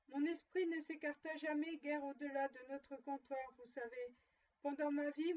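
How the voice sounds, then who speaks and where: A woman voicing a tormented male ghost in chains, speaking in a slow, solemn, declaiming way. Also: sits high, darkish tone, lightly acted. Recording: muffled and distant.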